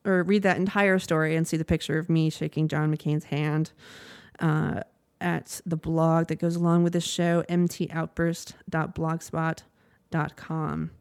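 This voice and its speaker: A woman's voice: low voice, little pitch movement, unhurried, clear, resonant tone, no room sound, studio quality. A young woman hosting a casual podcast, telling a story in a chatty, rambling way with frequent laughs. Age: young adult. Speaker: podcast host. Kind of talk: casual monologue.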